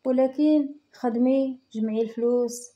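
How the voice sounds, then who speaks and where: A woman's voice: fairly high pitch, fairly even intonation, normal speed, dark tone, muffled recording. A young woman with a Moroccan Arabic accent, giving earnest personal advice in a vlog and repeating phrases for emphasis. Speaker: vlogger.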